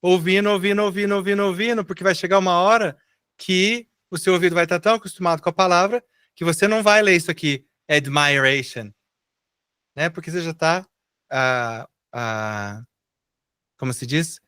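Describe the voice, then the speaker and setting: A man's voice: sits high, fairly quick, fairly bright tone, smooth, clean studio sound. A middle-aged Brazilian man teaching English in a live online class, patiently explaining and repeating words for students to echo.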